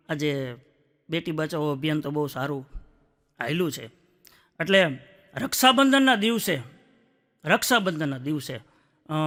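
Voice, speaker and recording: A man tells comic stories to a live audience in a high, bright voice. He chats with the crowd and acts out little dialogues. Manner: chatty, acts out dialogues of wife and others. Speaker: stand-up comedian. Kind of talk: stand-up comedy storytelling.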